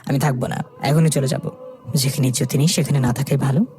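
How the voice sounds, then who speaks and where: A narrator voicing a hot-tempered, theatrical young woman, huffy and quick to bicker. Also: mid-range voice, steady tone, mellow, soft background music, pitched below the performer's own voice, natural voice.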